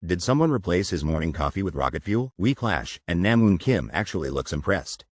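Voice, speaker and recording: A man's voice: low-pitched, big pitch swings, fairly quick, no room sound, clean studio sound. A man narrating a comic recap as scripted voice-over, wisecracking with playful asides.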